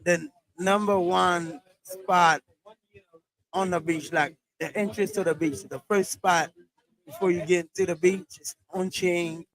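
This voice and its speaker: A man's voice: sits high, steady tone, slow, a bit bright, poor audio. A man hosting a casual live stream, repeating his phrases and now and then switching into Spanish. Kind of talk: casual live chat with shout-outs. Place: outdoors in a beachside parking lot.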